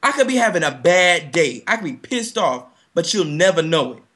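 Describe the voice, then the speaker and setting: A man's voice: on the high side, normal speed. A young man panelist in a casual group discussion, speaking emphatically about his own views. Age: young adult. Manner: animated, emphatic.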